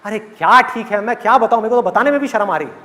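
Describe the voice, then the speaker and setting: A man's voice: high-pitched, animated, rapid-fire, bright, forceful tone. A man voicing an indignant newlywed daughter who dramatically complains to her father. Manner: dramatic, outraged storytelling voice. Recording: reverberant hall with faint ambience.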